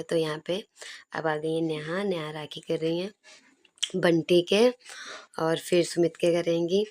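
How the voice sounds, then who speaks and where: A young woman talks over her family video in a relaxed, chatty way. Her voice sits low and stays fairly even in pitch, with little rise and fall. Now and then a soft laugh slips into her telling. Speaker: vlogger.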